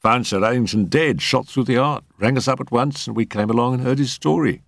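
A man's voice: mid-range voice, fairly quick, gravelly, dry recording, voice pushed up. A man doing a chatty gossiping constable. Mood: gossipy. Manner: talkative, gossipy. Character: chatty male police constable.

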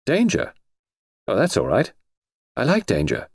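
A man's voice: mid-range voice, wildly swooping pitch, a little slow, husky, dry recording, studio quality, voice pushed up, exaggerated voice. A male narrator voicing a plucky, plain-spoken young woman. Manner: plain, spirited. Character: plucky young English woman, poor and game. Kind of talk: audiobook character voice.

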